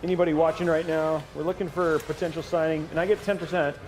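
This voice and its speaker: A man's voice: fairly high pitch, steady tone, fast talker, a little mellow, faint music behind, poor audio. A man hosting a casual stream, joking and teasing his guest while building a PC.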